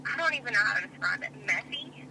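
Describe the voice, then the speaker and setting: A woman's voice: on the high side, expressive, fast talker, noisy background. A woman from Tennessee with a Southern accent, chatting casually as a podcast guest, giggly and self-deprecating. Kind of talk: casual chat.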